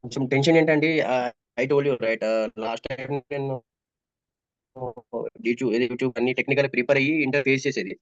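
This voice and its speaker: Man, choppy breaking-up call audio, dull dry sound, halting. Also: medium pitch, steady tone, no echo. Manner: halting, keeps checking if he can be heard. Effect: choppy breaking-up online call audio. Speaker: student giving course feedback. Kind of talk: casual video-call chat. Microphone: video call.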